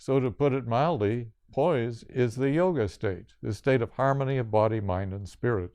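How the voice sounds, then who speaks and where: An older man giving a spiritual yoga talk, speaking slowly and deliberately in short listed phrases. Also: medium pitch, a little mellow, no room sound. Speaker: yoga teacher.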